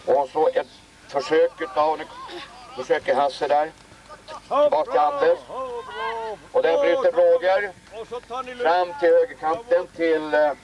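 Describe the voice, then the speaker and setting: A man giving live play-by-play commentary on a local football match outdoors, excitedly calling out player names. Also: a little high, far from the mic, highs cut off.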